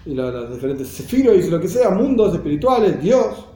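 Male teacher, high mellow voice, patient explainer, echoey room. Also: sing-song, a little fast. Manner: explanatory, repeats phrases, mixes in Hebrew and Yiddish terms. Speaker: Torah teacher.

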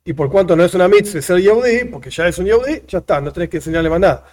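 Man, religious lesson, reads then explains, mellow fairly high voice. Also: expressive, very fast. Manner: reads a line aloud, then explains it with repeated examples. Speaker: rabbi teaching a text. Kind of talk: religious lesson, reading Hebrew and explaining in Spanish.

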